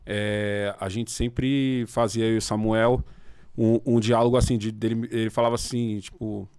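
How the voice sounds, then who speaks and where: A man casually telling anecdotes and using slang in a relaxed podcast conversation. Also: on the low side, moderate pace, smooth, dry recording. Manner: chatty storyteller, slangy, tells anecdotes.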